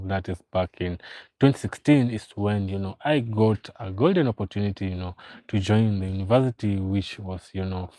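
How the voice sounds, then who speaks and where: A Kenyan man in his twenties talking to the camera in a casual vlog, recorded on a phone, earnest and filling every pause with "you know". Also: fairly low pitch, mellow, no room sound. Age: 20s. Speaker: vlogger.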